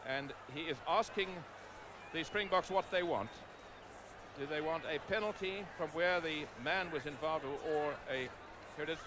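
A man calls a rugby match live, his voice sitting a little high. He stays measured between plays and climbs to shouts when a score looks close. The broadcast audio carries clear background noise. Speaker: play-by-play commentator.

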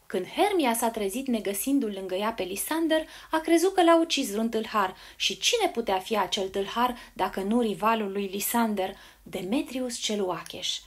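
A woman narrating a fairy tale in an expressive storybook reading. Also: fairly high pitch.

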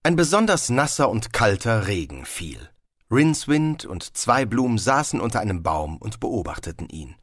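A man narrating an audiobook in a dry, measured storytelling manner. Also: fairly low pitch, big pitch swings, dry recording. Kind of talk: scripted narration.

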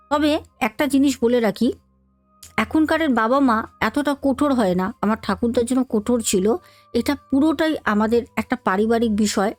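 A woman's voice: fairly high pitch, no echo. A woman telling a family story in a casual, chatty way, talking straight to her listeners. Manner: chatty, addresses listeners directly, many fillers.

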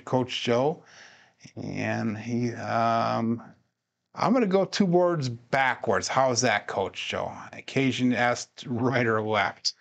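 There's vocal fry in this man's medium-pitched voice as he streams craps practice alone. Sounding tired, he gives himself pointers, talks with his viewers between dice throws, and frequently laughs.

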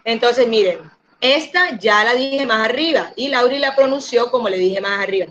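A woman's voice: on the high side, fairly bright tone, lo-fi sound, a little hiss or hum. Patient woman teaching an online English class. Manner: patient, slows down to model pronunciation.

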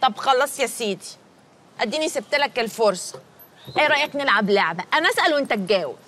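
A woman's voice: fairly high pitch, expressive, fairly bright tone. An actress in a comedy series playing a talkative, teasing young woman teacher, with an Egyptian Arabic accent. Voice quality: talkative, playful, quick banter. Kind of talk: TV comedy drama dialogue.

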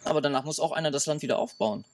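A man's voice: fairly high pitch, very fast, no room sound, recorded from a distance. Argumentative man, a bit off-mic. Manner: emphatic, argumentative. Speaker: interviewee. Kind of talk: outdoor interview. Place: outdoors in woods.

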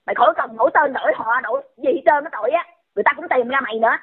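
A woman's voice: high voice, rapid-fire, husky. A woman, scolding someone in a heated rant and firing off repeated insulting questions. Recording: tinny phone-line audio.

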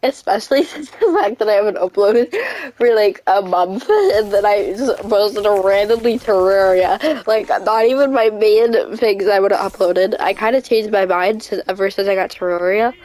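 A woman's voice: mid-range voice, moderate pace, darkish tone, low-quality recording. A woman hosting her gaming channel, talking casually and explaining things in a chatty way with fillers and restarts. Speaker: channel host. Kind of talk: casual let's-play chat.

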